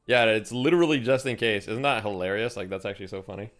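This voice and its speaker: Laid-back streamer, low voice. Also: male voice, fast, a bit bright. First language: French. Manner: laid-back and chatty, with many fillers and restarts. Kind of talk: casual live-stream chat, reading and answering viewer questions. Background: faint music.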